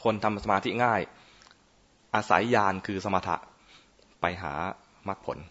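A husky, low, steady voice with a bit of brightness speaks a little slowly. He is a Buddhist monk giving a casual, teasing dharma talk on meditation and often quizzing those present, on a muffled lo-fi recording.

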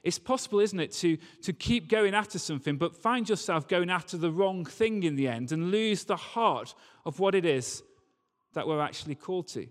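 A high, expressive male voice at normal speed carries a sermon told conversationally, like a story, with emphatic repetition. The preacher was recorded live in a large, reverberant church hall.

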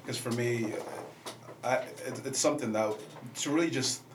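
A man's voice: mid-range voice, normal speed. A man speaking as a startup founder on a casual panel, informal and personal, with stammered restarts. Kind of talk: casual panel interview answers. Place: echoey room, radio show recording. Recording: echoey room with slight noise.

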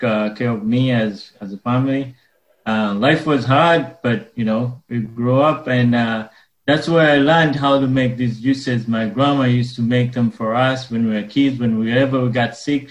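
A man from Uganda, speaking earnestly and haltingly as a guest in a radio interview. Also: medium pitch, reverberant, low-quality recording. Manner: earnest, halting with frequent pauses. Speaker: guest, wellness business owner.

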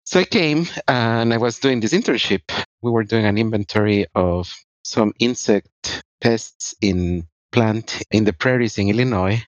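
Man from ecuador talking about his path, lowish voice, dry dull-sounding mic. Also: measured pace, no room sound. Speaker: guest researcher. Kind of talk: interview answers.

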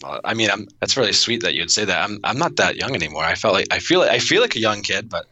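A man in his thirties talks as a podcast guest in loose, rambling sentences full of restarts and filler words. His voice sits a little low but sounds very bright and forward. The recording is dry and close. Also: very animated, fast, no room sound. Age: 30s. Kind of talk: casual interview chat.

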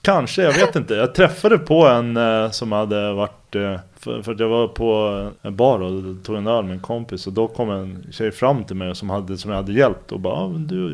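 A man in his thirties, a guest on an interview show, telling stories in relaxed, rambling conversation full of fillers and slang. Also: on the low side, creaky. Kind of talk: casual conversational storytelling.

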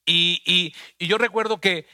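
Man, sermon, bright tone, dry close sound, talks straight to you. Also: high voice, steady tone, a little slow, dry recording. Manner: earnest and personal, addresses the listener directly. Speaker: preacher. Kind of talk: conversational sermon.

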